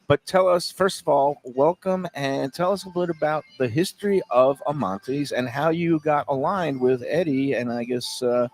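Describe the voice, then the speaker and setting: A man's voice: fairly high pitch, normal speed, few pauses. A man hosts a casual interview outdoors. He is chatty and upbeat and keeps the banter going. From Brooklyn, New York. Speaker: food show host. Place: outdoor restaurant patio.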